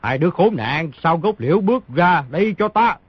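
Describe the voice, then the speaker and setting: A man voicing a gruff, boisterous wounded outlaw. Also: high voice, lively intonation, fairly quick, dry recording. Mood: barking. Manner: barking, laughs often. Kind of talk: audiobook character voice. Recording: dull lo-fi dry recording.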